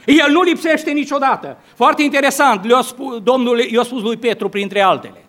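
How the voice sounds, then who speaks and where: A man's voice: very high voice, fairly bright tone. A man preaching a sermon at a church service, earnest, asking rhetorical questions and often restarting his sentences.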